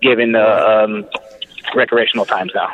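A man phoning in to a radio show, hesitant and halting as he asks the host his question. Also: on the low side, fairly even intonation. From California. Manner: hesitant, halting with many ums. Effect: phone-line caller. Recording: tinny phone line.

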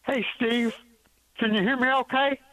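A man calling in to a radio show over a telephone line. He talks haltingly and searches for words with many fillers. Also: extremely high pitch, fairly even intonation, bright, forceful tone, dry recording. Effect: heard over a telephone line. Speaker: radio call-in caller. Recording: tinny dry phone line.

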